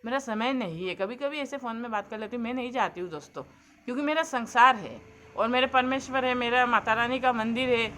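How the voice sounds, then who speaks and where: A woman's voice: a little high, a little fast, fairly bright tone. Earnest woman giving homely advice. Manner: earnest, preachy, addresses viewers as friends. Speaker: vlogger. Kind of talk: casual advice monologue.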